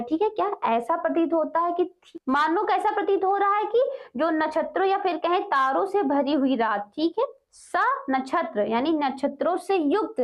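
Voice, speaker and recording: High-voiced woman explaining Hindi verse. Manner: repeats "ठीक है" and "क्या है" as fillers, reads verses slowly. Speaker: teacher. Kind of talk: explaining Hindi poetry for exams.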